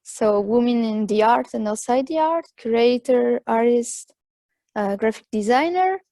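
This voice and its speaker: A woman artist speaking as a guest in an informal panel discussion, explaining things in a tentative, halting way. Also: a little high, expressive, dark tone, no echo.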